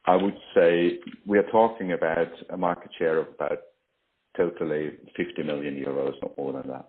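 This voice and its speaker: A man speaking as an industry expert in a business interview over a call, explaining in a hesitant, halting way. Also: very deep voice, fairly even intonation. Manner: hesitant, halting delivery with pauses. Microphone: phone or online call. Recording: muffled call audio, faint typing noise.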